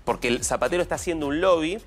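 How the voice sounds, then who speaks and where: A man's voice: a little high, very fast, faint music behind. An Argentine man discussing the news on a studio panel, emphatic and indignant.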